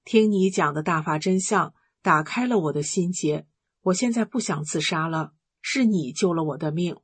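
A desperate middle-aged businessman, as a woman reads his words, pleads over the phone with raw emotion. The voice stays lowish and slightly husky, close and dry. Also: normal speed, no echo. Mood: pleading.

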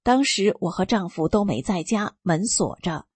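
A woman reading a first-person testimony aloud, telling it in a calm and steady way. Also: medium pitch, moderate pace, breathy edge, dry recording. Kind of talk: scripted narration.

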